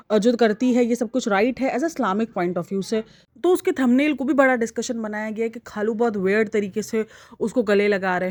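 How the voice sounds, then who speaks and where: Chatty and animated, a young woman gives her strong opinions on online vlogs in a casual way. Her voice is on the high side, and there's no echo.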